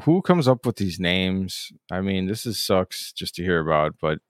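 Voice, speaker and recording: A man's voice: sits low, animated, normal speed, no echo. A young man co-hosting a podcast, chatting casually with dry, wry quips. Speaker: podcast co-host. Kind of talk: casual chat.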